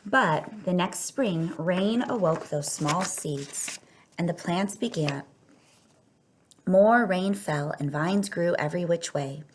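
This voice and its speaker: Narrating a children's picture book, a woman speaks in a lower register with expressive delivery, drawing words out for emphasis.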